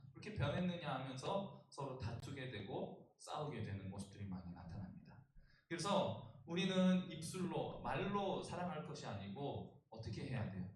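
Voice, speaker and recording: A man's voice: medium pitch, background noise. A male pastor preaching a youth sermon, joking and asking the congregation questions. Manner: humorous, asks the congregation questions. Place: church sanctuary. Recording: echoey church hall, distant mic.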